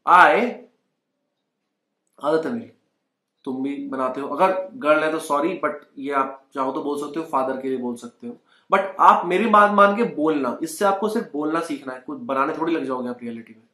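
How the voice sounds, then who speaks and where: A man's voice: a little high, expressive, normal speed, bright, forceful tone. A young Indian man teaching spoken English in Hindi, coaxing learners to repeat the sentences after him. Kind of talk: Hindi-English language lesson. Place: indoors at home. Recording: echoey room.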